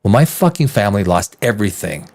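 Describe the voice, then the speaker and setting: His lowish voice is sing-song, fast and a little mellow. This Canadian livestream host in his fifties, born in the Czech Republic and speaking with a North American accent, chats casually and unscripted, emphatic and profane, with lots of repeated phrases.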